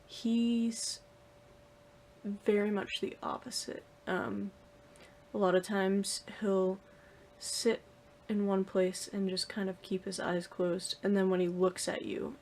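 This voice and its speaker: A young woman talking casually to the camera in her room at home, rambling with lots of fillers and restarts. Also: mid-range voice. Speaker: vlogger. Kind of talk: casual vlog talk to camera.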